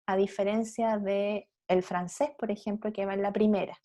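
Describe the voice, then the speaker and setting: A woman's voice: medium pitch, fairly even intonation, normal speed, mellow. A woman, an English teacher giving feedback on a video call, correcting and explaining patiently. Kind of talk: online class feedback.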